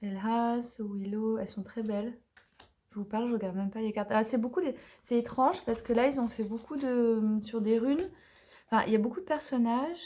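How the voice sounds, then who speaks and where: A woman's voice: a little high, moderate pace, warm tone. A woman casually unboxing and reviewing an oracle card deck, talking chattily with many hesitations and now and then dropping to a whisper.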